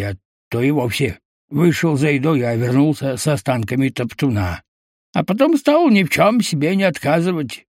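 A man narrating an audiobook in a steady, measured storytelling voice. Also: mid-range voice, no room sound, studio quality.

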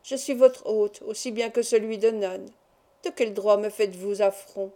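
A woman voicing a suave young nobleman who speaks softly and courteously, yet firmly. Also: medium pitch, level tone, normal speed, lightly acted. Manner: soft, courteous, commanding.

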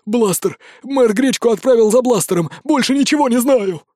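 A man's voice: extremely high pitch, lively intonation, moderate pace, dark tone, dry recording, studio quality, voice pushed up. A man voicing a wounded male bandit, shrieking and gabbling in panic in an audiobook. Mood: panicked.

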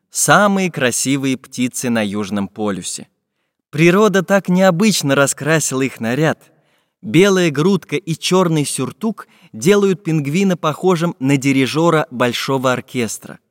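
A man narrating a children's fairy-tale audiobook in a lively, expressive storytelling manner. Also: mid-range voice. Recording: dry studio voice with long reverb.

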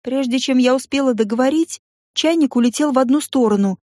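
A woman narrating a first-person audiobook in a lively, wry, ironic manner. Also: high-pitched, a little fast, no echo, studio quality.

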